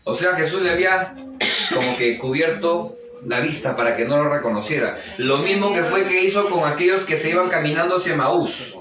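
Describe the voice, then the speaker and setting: A man's voice: fairly high pitch, normal speed, recorded from a distance, crowd noise. A male pastor preaching a live sermon, fervently peppering his retelling with praise and calls to his brothers. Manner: fervent, keeps interjecting praise and calling the listener brother. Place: church hall during a service. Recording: echoey church hall, picked up from afar.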